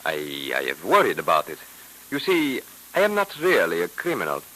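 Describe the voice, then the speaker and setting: Old time radio captive cultist, super polite and formal, resigned, lively pitch, bit of hiss. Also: male voice, full character voice. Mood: courteous. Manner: formal, courteous, deliberate phrasing. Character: courteous captured Egyptian cult man, dignified and resigned. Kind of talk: 1940s radio drama acting. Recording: noisy vintage radio recording.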